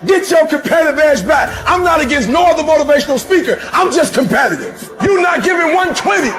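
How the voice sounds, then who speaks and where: A man's voice: very high-pitched, expressive, fairly quick, a crowd in the background. A man giving an emphatic motivational speech with blunt, profane punch.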